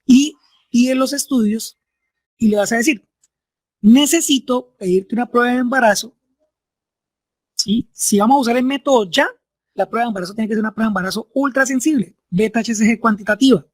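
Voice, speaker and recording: A man's voice: extremely high pitch, a little fast, pauses often, dry recording. A man teaching a medical class, explaining step by step and often checking that students follow. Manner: explanatory, checks understanding with frequent tag questions. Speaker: medical lecturer.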